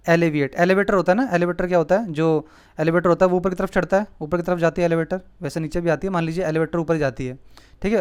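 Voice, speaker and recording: A man with a fairly high, clear and resonant voice, recorded dry, teaches vocabulary through memory tricks. He explains patiently, repeats words, and keeps checking in with "ठीक है?" during this mnemonic lesson.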